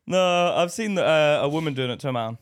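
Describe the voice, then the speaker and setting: A man's voice: on the high side, expressive, a little fast, clean tone, dry recording, clean studio sound. A man co-hosting a casual podcast, teasing his co-host, laughing often and reading listener emails aloud. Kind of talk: casual banter.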